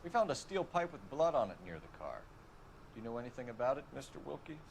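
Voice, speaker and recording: An actor playing a brisk, stern 1940s American police detective in a crime video game, with clipped procedural delivery. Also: male voice, mid-range voice, sing-song, vocal fry, a little hiss or hum. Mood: questioning. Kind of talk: dramatic video game acting, period crime drama.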